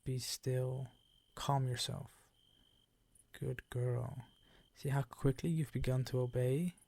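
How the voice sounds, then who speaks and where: A man's ASMR roleplay casts him as a predatory, possessive vampire count whose formal, teasing, commanding words come in a breathy voice that often slips into a whisper. He speaks slowly at a medium pitch with fairly even intonation and a mellow tone, and there is no echo.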